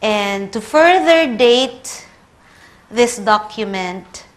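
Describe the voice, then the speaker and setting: Speaking very slowly with lively intonation and a fairly high pitch, this Filipino woman in her thirties, whose native language is Tagalog, delivers a conference talk. She speaks with a Filipino accent and weaves in personal anecdotes touched with light humor.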